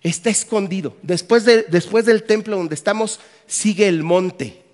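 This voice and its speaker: A man's voice: high-pitched, measured pace, darkish tone. A Mexican man, a pastor, giving a conference sermon with a Mexican Spanish accent, joking and asking the audience questions. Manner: jokey, asks the audience questions. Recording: long hall reverb.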